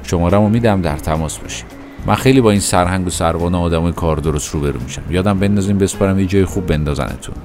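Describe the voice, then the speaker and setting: A man's voice: sits low, darkish tone, soft background music, natural voice. A man voicing a brash, boastful middle-aged man. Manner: brash, overfamiliar, talks over others. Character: pushy, sweaty, heavyset middle-aged man, a boastful big talker.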